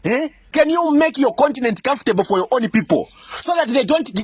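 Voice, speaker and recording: A man's voice: very high-pitched, expressive, brisk, slightly rough, no room sound. A man with a Zimbabwean accent delivering an impassioned, preachy monologue that scolds its listeners and is broken up by bursts of laughter. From Africa. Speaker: commentator. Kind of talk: impassioned monologue addressing leaders.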